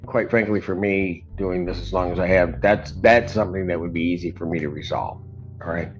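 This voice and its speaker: Low-voiced male judge, muffled audio. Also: fairly even intonation, brisk. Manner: plain-spoken, informal. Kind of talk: courtroom hearing talk. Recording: muffled courtroom audio, music underneath. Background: guitar music.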